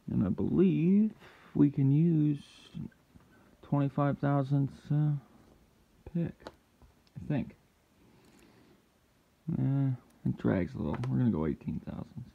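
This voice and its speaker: A gravelly, mid-pitched man talks his viewers through a fiddly hands-on job, muttering his progress as he goes and now and then breaking into frustrated outbursts. The recording is a bit muffled and lo-fi, like a home setup. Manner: muttering to himself while working, with sudden frustrated yells. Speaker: lockpicking hobbyist channel host. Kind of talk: casual hands-on commentary.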